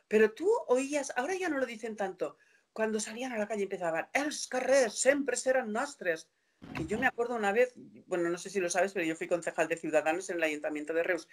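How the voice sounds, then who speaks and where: An older woman in her sixties, a guest on a video call interview, speaking in a passionate, indignant way full of rhetorical questions. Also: medium pitch. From Spain. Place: room at home.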